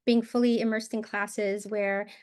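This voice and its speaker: A woman from Palestine whose first language is Arabic, recalling her childhood in a hesitant, reflective way with many pauses. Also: mid-range voice, little pitch movement, darkish tone, clean tone. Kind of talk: reflective personal account.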